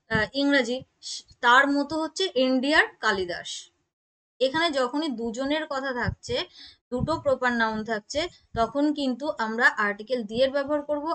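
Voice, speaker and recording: A woman teaching an exam-prep grammar lesson, explaining slowly, repeating points and asking checking questions. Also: high-pitched, a bit bright. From West Bengal. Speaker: English teacher.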